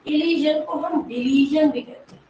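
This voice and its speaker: A woman English literature teacher giving an exam-prep lecture, explaining slowly, repeating key words and quizzing the class. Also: sits high, darkish tone, dull audio. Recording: echoey room, mic far from speaker, faint noise.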